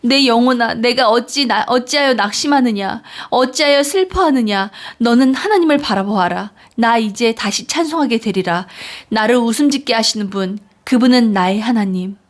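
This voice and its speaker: A woman reading psalms aloud in an earnest, measured way. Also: a little high. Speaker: Bible reader. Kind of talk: scripture reading.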